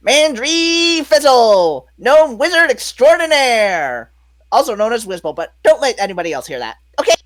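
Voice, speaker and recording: A player voicing a showy, boastful gnome wizard who proclaims loudly. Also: female voice, a little high, very animated, dry recording, pitched above the performer's own voice. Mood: grandiose. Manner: loud, proclaiming, drawn-out.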